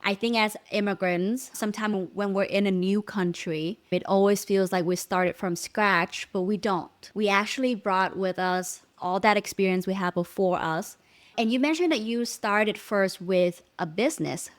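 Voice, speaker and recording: A woman's voice: medium pitch, normal speed. A woman in her thirties hosting a podcast interview, upbeat and encouraging. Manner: upbeat and encouraging, soft listening fillers. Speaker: podcast host.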